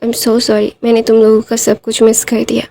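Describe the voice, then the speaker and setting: A remorseful young father, clingy and tearful, voiced by a woman storyteller who stammers through his pleas. The tone is dark and mellow, with a gravelly edge and little rise and fall. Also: fairly high pitch, monotone, normal speed. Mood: tender.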